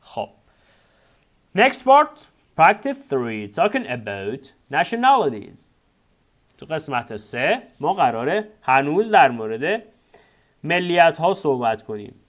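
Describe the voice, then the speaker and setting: A man teaching a school English lesson, explaining and slowly repeating example sentences. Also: on the high side, big pitch swings.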